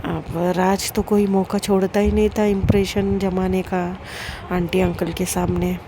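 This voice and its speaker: A woman narrates a romance story in a steady, plain manner, pausing with small fillers. Her mid-pitched voice stays flat, and clear traffic noise runs underneath.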